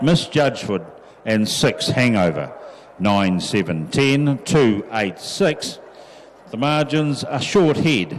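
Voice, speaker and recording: A man's voice: medium pitch, a little hiss or hum, rough recording. A man formally announcing race placings, margins and times. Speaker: race judge announcing results.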